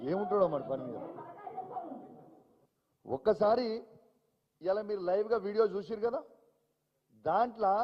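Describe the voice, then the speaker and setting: A man speaking at a press conference as an opposition politician, heated and accusing, firing off repeated rhetorical questions. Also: sits high. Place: press hall. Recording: dull audio with long hall reverb.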